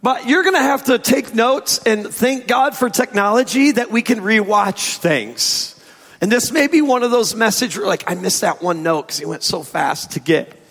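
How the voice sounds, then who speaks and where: A man preaching as a pastor in a hoarse, strained voice, emphatic and informal, stretching key phrases for effect. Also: high voice, lively intonation, normal speed, fairly bright tone. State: hoarse, strained sore throat. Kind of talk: sermon. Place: church service, amplified in a large room. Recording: echoey large hall reverb.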